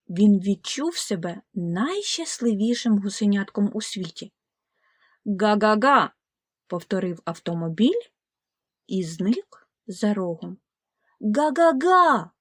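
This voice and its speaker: A woman narrating a children's audiobook fairy tale in a slow, gentle, expressive way. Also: mid-range voice, breathy edge, no room sound, studio quality. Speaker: storyteller.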